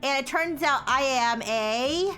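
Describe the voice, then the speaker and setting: A woman's voice: high-pitched, slow pace, sharp tone, faint music behind. A woman livestreamer chatting casually with viewers in a cute, bubbly anime-streamer manner, sing-song and playful. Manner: giggly, playful. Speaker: livestreamer hosting personality tests.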